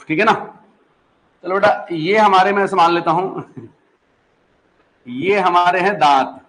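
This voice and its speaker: Man, Pahari-influenced Hindi accent, high-pitched, classroom lecture, patient, repeats questions to students. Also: fairly bright tone, low-quality recording. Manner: patient, chatty, checks often that the class follows. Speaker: teacher.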